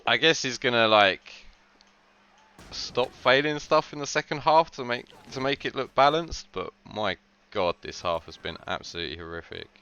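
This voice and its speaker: Man, game commentator, casual rambling delivery, bright forceful tone, slightly muffled recording. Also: medium pitch, animated, moderate pace, smooth. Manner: rambling, lots of "like" fillers, frequent laughs.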